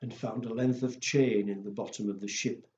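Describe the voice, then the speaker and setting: Stories and rhymes for young children come from a man with a fairly low, slightly mellow voice, steady in tone at a moderate pace. He's playful and simple, with acted woofs and exclamations, recorded in an echoey room with dull audio and faint noise.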